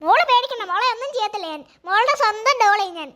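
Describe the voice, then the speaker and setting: A squeaky, piercing cartoon voice of a bossy magic doll girl, as a performer puts her on. She talks curtly and scolds. The tone is bright and sharp. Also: animated, fast, full character voice. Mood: soothing. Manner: scolding, curt. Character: magic Barbie doll girl grown big, bossy and snappish. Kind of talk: cartoon voice acting.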